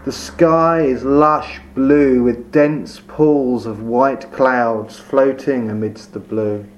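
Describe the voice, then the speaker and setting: A man leading a guided meditation in a slow, soft, soothing voice with long pauses. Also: medium pitch, fairly even intonation. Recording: dull lo-fi recording with faint hum.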